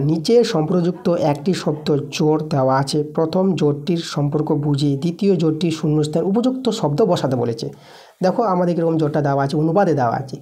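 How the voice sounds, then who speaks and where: A woman's voice: deep voice, warm tone. A woman teacher giving an exam-prep lesson, repeating key terms and answering her own questions as she goes. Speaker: school science teacher.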